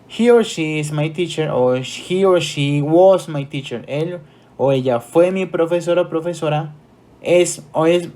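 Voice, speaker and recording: A man with a Colombian Spanish accent teaching an English grammar lesson, switching between Spanish explanations and slow English examples. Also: fairly high pitch, mellow.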